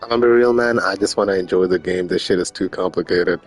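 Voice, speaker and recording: A man with a fairly low, steady voice chats fast and casually on a game livestream, using slang and the occasional swear word. Faint music plays in the background.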